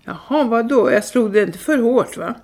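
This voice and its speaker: A teasing grown-up brother with a dry, sarcastic way of joking, read out by a woman. The voice sits somewhat high and stays plain and unforced, as in a storybook read aloud. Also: expressive, a little mellow. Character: teasing grown man, the narrator's older brother.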